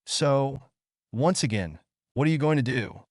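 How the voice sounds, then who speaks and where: A man's voice: mid-range voice, a little slow, dry recording, clean studio sound, voice pushed up. A man doing a cold, cutting young wizard. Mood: threatening. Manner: calm, cutting, knowing. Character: cool, secretive young male wizard, harsh and controlled. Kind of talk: audiobook character voice.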